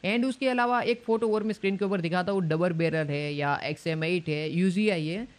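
A man's voice: sits high, normal speed. A man hosting a casual gaming update vlog, chatty and colloquial, often rephrasing himself and calling his viewers brother and guys. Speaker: gaming channel host.

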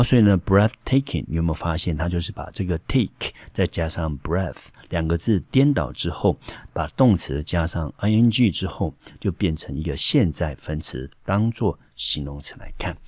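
A male high school English teacher with a Taiwanese Mandarin accent, explaining a textbook passage step by step with frequent fillers. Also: no echo.

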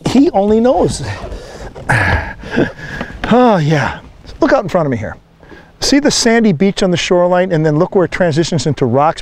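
A middle-aged man hosting a fishing show, talking outdoors on a lake boat with a lapel mic, excited as he coaxes and lands a fish. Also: sits high, slight background noise. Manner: excited, coaxing the fish while landing it.

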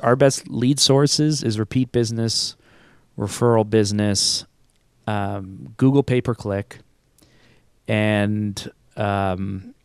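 A man's voice: fairly low pitch, clean tone, no room sound, clean studio sound. A man who owns an agency and hosts a podcast, answering in a casual, rambling way with frequent restarts and easy laughs. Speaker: agency owner and podcast host. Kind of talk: casual conversational interview answers.

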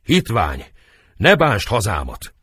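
A man's voice: deep voice, very animated, slightly rough, dry recording, exaggerated voice. A man voicing a proud, desperate dying queen in a dramatic audiobook reading, with cries and pleading. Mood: defiant.

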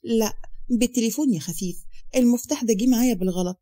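A woman's voice: fairly high pitch, very fast, dark tone, close to an everyday voice. A woman voicing a cheeky, dramatic young runaway woman with an Egyptian accent, teasing and pleading. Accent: Egyptian Arabic.

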